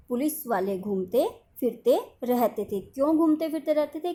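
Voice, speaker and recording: A woman teacher, giving a lesson to a primary school class, reading out words one by one and explaining them. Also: a little high. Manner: slow, dictating words one at a time with explanations.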